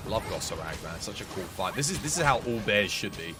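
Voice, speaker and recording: Music plays behind a young man on a headset mic who comments on his game and chats with his livestream viewers. His lowish voice is very animated and brisk, and he rambles, swears mildly, and talks straight to chat.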